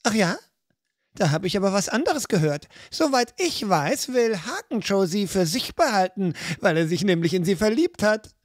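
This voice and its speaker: A man voicing a cheeky, quick-tongued young woman rogue in a fan audiobook, teasing and sly. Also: very high-pitched, very animated, a bit bright, dry recording, studio quality, voice pushed up, full character voice. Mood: sly mocking. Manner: mocking, playfully sly.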